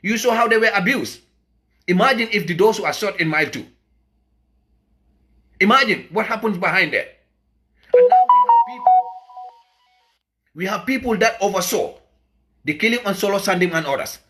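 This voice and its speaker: A man's voice: high-pitched, bright, forceful tone. A man from the Gambia giving an impassioned political address as an activist, emphatic and repetitive, often stumbling over his words.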